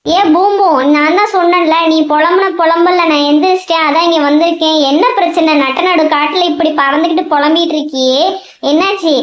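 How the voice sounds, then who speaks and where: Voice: very high voice, steady tone, a little fast. Someone voicing a bossy female spirit in a cartoon who scolds and warns in a lecturing way, with a Tamil accent. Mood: scolding. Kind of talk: cartoon voice acting. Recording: roomy, dull lo-fi sound.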